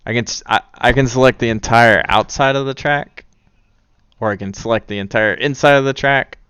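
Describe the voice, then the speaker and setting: A man casually walking through software steps over voice chat, hesitant with many ums, his words breaking off in choppy cut-off endings as the connection drops. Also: medium pitch, normal speed, clean tone, dry recording, clean studio sound. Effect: voice chat dropping out, choppy cut-off endings. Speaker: tutorial presenter. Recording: dull lo-fi voice chat line.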